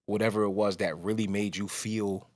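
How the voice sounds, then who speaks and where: With a lowish, slightly mellow voice and fairly even intonation, this man hosts a podcast at a moderate pace. He sounds strong but casual, wandering through his points and often restarting mid-sentence.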